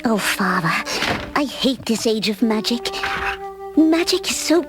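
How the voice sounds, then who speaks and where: A woman playing a fearful young daughter in a cartoon, plaintive and drawn-out. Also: a little high, big pitch swings, music in the background. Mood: fretful. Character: young daughter, fearful and fretful about magic. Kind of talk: cartoon acting.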